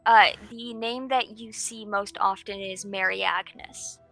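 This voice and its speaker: A woman narrating a tabletop game as game master, setting scenes in an unhurried, descriptive way. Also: medium pitch, fairly even intonation, creaky, pushed and bright, soft background music, poor audio.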